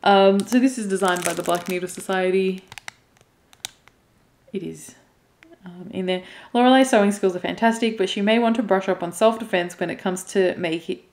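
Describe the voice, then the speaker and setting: A woman's voice: mid-range voice, a little mellow, roomy sound. A woman chatting casually as she unboxes craft goods, gushing, emotional and laughing often. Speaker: cross stitch vlogger.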